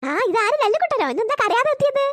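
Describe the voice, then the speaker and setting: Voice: very high voice, animated, racing, fairly bright tone. A voice actor playing a kindly preschool teacher who coaxes and soothes little children in a cartoon. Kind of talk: cartoon voice acting.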